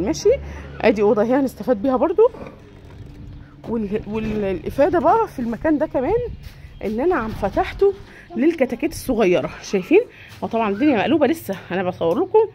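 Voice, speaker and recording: Egyptian lady vlogging a tour, talks fast and bouncy, kinda high voice. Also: a little mellow, slight background noise. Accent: Egyptian Arabic. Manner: chatty, addresses viewers directly while touring. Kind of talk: casual walk-through vlog. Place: outdoors and indoors at a poultry yard and shop.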